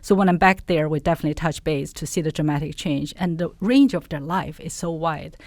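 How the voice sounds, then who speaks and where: Investor from northeast China, low voice, earnest with hesitations, dry close mic. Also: female voice, brisk, a little mellow, dry recording. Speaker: emerging markets investor. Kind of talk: podcast interview answers.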